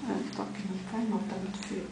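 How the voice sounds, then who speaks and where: A woman's voice: medium pitch, fairly even intonation, fast, vocal fry. A woman coaxing a baby in sing-song baby talk in a home video. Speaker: caregiver talking to a baby. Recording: echoey room with background noise.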